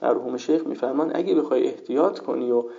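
A man's voice: mid-range voice, vocal fry, dark tone. A man teaching a seminary lesson on jurisprudence, explaining points patiently and conjugating examples aloud. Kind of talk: lecture on Islamic jurisprudence. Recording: dull lo-fi recording.

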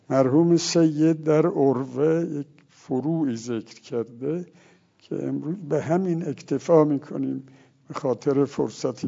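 A man lectures on religious law in a seminary style, walking through each point in turn. His voice is gravelly and mellow, sitting a little high for a man. The recording is dull and lo-fi. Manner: explains step by step, recites Arabic phrases as examples.

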